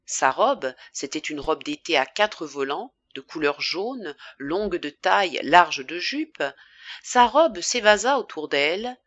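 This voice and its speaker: A woman reading a classic novel aloud as an audiobook narrator, with expressive, varied intonation. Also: on the low side, a little slow, no echo, dull audio. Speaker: audiobook reader.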